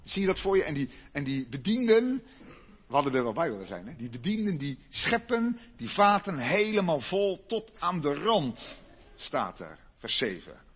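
A man's voice: a little high, big pitch swings, normal speed, a bit bright, slightly rough. A man preaching a sermon, retelling a Bible story for a congregation with children in a storytelling manner that rises to emphatic bursts.

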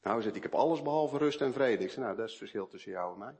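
A man preaching a sermon with personal testimony, swinging between hushed storytelling and emphatic outbursts. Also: medium pitch, animated, rapid-fire.

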